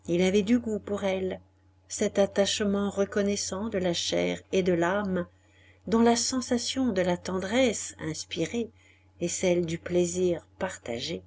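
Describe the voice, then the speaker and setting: A woman reading a classic novel aloud as an audiobook, soft and measured, often dropping nearly to a whisper. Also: fairly low pitch. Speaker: audiobook reader. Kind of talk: literary audiobook narration.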